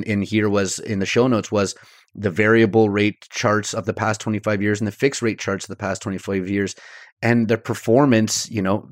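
A man's voice: lowish voice, no echo, clean studio sound. A man hosting a podcast, giving advice in a casual, conversational style. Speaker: podcast host.

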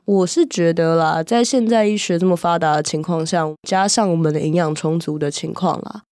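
Young woman co-hosting, talks fast and jokey, dry mic. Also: on the low side, darkish tone, no room sound. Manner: joking, sarcastic. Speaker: podcast co-host. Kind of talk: casual chat.

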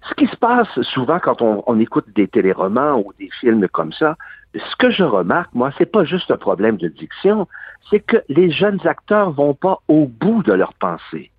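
A man's voice: fairly high pitch, normal speed, breathy edge, no room sound, narrow, tinny audio. A man in his sixties with a Québécois accent, an actor guest talking at length in a radio interview. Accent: Québécois French. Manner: animated, long-winded monologue.

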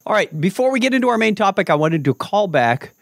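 Over music, a high-pitched, creaky-voiced man hosts a podcast interview at a fast clip. He's lively and full of jokes, prone to going off on tangents in the casual chat.

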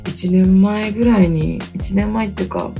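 A woman around thirty from Hokkaido, hosting her own podcast with chatty, self-deprecating solo talk, speaking quietly from inside a closet. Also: medium pitch, fairly even intonation, normal speed, vocal fry, over music. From Hokkaido, Japan. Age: 30s. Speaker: podcast host. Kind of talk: casual solo podcast chat. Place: inside a closet in a wooden apartment studio. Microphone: computer mic in closet.

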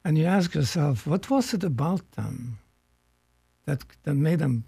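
An older man from Norway talks as a guest on a radio conversation, reflective and unhurried, pausing to search for words. His voice sits a little high for a man but sounds soft and mellow. The sound is close and dry. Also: animated, creaky, breathy edge, no echo. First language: Norwegian. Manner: reflective, slow and searching with pauses. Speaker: guest, economics professor emeritus.

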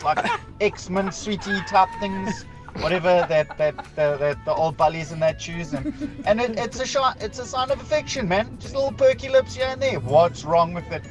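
Brief: male caller, high for a man, upbeat and playful, clear music underneath. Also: poor audio. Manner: enthusiastic, playful, rambling. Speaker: caller voice note.

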